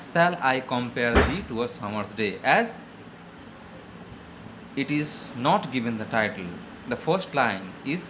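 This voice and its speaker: A middle-aged man with a Bengali accent lecturing as a high school English teacher, slow and deliberate in English, quicker in Bengali. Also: background noise. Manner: switches between slow deliberate English and rapid explanatory Bengali. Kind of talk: classroom lecture.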